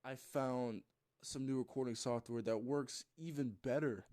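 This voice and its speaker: A man's voice: medium pitch, fairly even intonation, measured pace, a little mellow. A man, a gaming YouTuber, rambling through a casual story with loose swearing and plenty of fillers.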